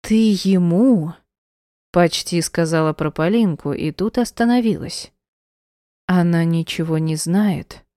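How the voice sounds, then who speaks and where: A woman narrating a first-person audiobook in a measured, tense storytelling manner on a close mic. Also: on the low side, darkish tone, clean tone, dry recording.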